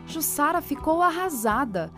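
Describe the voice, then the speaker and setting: Expressive woman narrating a radio drama. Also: high voice, a little slow, music in the background.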